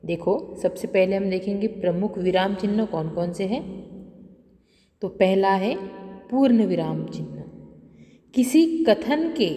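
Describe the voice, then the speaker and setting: A woman's voice: mid-range voice, dark tone, long reverb tail. A woman teacher giving a grammar lesson to schoolchildren, reading out example sentences with stress.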